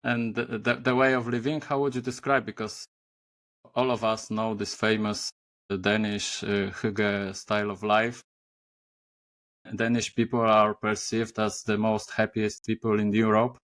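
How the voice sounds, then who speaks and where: A man hosting a podcast interview, speaking haltingly with many filler sounds. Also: lowish voice, flat delivery, a bit bright. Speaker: podcast host. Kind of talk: conversational interview.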